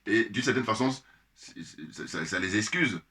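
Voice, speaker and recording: A man giving casual spoken political commentary, animated and indignant, with frequent laughs, fillers and restarts. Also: lowish voice, normal speed.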